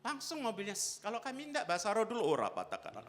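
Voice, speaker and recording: A man preaching a humorous sermon as a pastor, telling stories and bursting into loud shouted lines. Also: sits high, very fast. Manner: animated, jumps to loud shouted exclamations. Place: large church hall. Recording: long hall reverb, faint instrument music.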